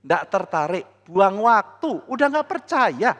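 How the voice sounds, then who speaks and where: Bright-voiced pastor preaching in hall. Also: male voice, sits high, sing-song, measured pace. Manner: dramatizes dialogue, voicing quoted speakers; addresses the congregation often. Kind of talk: sermon. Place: large church hall. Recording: reverberant church hall.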